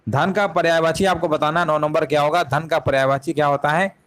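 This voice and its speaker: A man's voice: fairly high pitch, steady tone, fairly quick, a bit bright. A man teaching a live online exam-prep class, explaining each answer step by step and often repeating himself with rhetorical questions.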